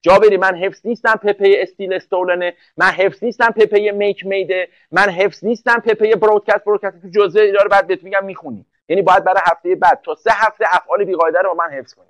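A male teacher with a high voice runs an online class lecture, recorded dry and close. He drills students with rapid questions and often answers them himself. When he reaches example sentences, he slows down to lay out each word. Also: fairly even intonation, fairly bright tone, dry recording, dull audio. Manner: slows right down to spell out English sentences. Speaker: English teacher.

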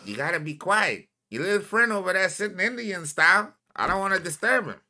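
Excitable man trash-talking. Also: high voice, a little fast. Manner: loud, excitable trash talk at enemies. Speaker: gaming channel host. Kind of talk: let's-play commentary.

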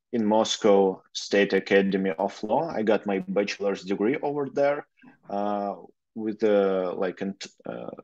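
A man's voice: lowish voice, a little mellow. A man in his twenties with a Russian accent, answering interview questions hesitantly with many fillers, speaking Russian as his first language. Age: 20s. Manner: hesitant, many fillers, careful non-native phrasing. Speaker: guest lawyer. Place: plain room, indoors. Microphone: video call. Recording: dull lo-fi video call audio.

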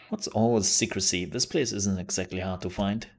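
A woman's voice: rumbling low, darkish tone. A woman streaming a game, commenting in a joking, sarcastic way. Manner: sarcastic, joking, slow-spoken. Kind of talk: let's play commentary.

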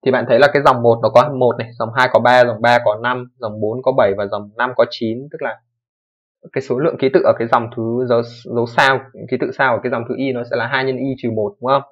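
A man's voice: mid-range voice, fairly even intonation. A young man teaching programming in a coding tutorial, talking informally, checking in often and correcting himself as he goes. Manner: fast, informal explaining with frequent "đúng không" checks and self-corrections. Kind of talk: screen-recorded coding tutorial. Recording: dull lo-fi microphone.

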